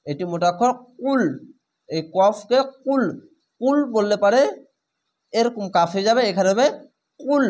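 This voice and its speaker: A man teaching Quran reading, spelling out letters one at a time and then stretching each recited word out slowly. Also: sits high, darkish tone.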